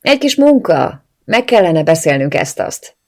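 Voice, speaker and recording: A reader voicing a hesitant, evasive male family friend in an audiobook, speaking a little louder than the narration. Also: fairly high pitch, very animated.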